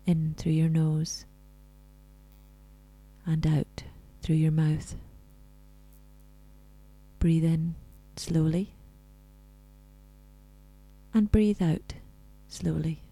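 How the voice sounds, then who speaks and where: Woman, soft near-whispered spa delivery, very mellow, unhurried, breathy, guided meditation narration. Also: low-pitched, no echo, poor audio. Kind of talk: scripted guided relaxation meditation.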